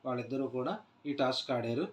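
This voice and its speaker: A man's voice: medium pitch, a little fast, lo-fi sound. Man recapping a show in an echoey room. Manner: retells scenes loosely with frequent "aa" fillers and restarts. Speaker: TV show reviewer. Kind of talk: casual spoken episode recap.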